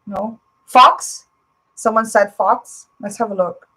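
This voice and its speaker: Her mid-range voice is bright and forceful, with fairly even intonation, and she takes her time, though the recording is rough. She's a Brazilian woman whose first language is Portuguese, casually hosting a live stream where she chats, answers viewer comments, offers opinions, and uses lots of fillers.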